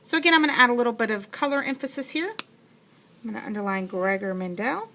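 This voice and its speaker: A woman's voice: fairly high pitch, lively intonation, quick pace, pushed and bright, slight background noise. A woman teacher giving a patient, explanatory science lesson, talking through what she writes as she goes. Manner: patient, explanatory, thinks aloud while writing. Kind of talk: classroom lecture.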